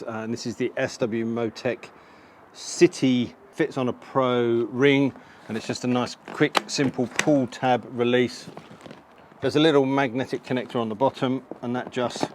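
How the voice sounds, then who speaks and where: A man's voice: medium pitch, a little mellow. A middle-aged man casually talking through motorcycle gear as a vlogger, in an informal walkthrough to camera. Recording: clearly audible ambient background noise.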